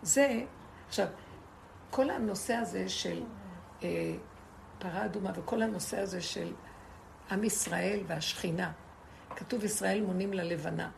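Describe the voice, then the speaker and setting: A woman's voice: medium pitch, vocal fry, pauses often, slight background noise. A woman giving an impassioned spiritual lesson to a group, asking rhetorical questions and repeating words for emphasis. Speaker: Torah teacher.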